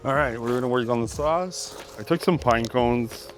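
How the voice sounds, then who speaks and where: A man's voice: mid-range voice, moderate pace, music in the background. A man, a chef and forager, casually explaining each ingredient as he cooks outdoors by the shore. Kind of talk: casual cooking demonstration.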